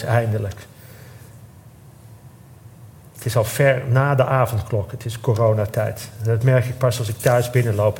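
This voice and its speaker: A man on a theatre stage telling a personal story in an emotional, halting way, often breaking off and starting again. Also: mid-range voice, a little mellow, a little hiss or hum. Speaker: guest storyteller. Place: theatre stage before a live audience.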